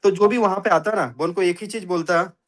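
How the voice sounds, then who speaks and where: Brief: high-pitched male motivational speaker on a video call, emphatic storyteller who keeps hammering a catchphrase. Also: brisk, fairly bright tone. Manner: emphatic, repeats catchphrases, addresses audience as friends. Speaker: motivational speaker in an online finance meeting. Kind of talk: motivational talk with a fable.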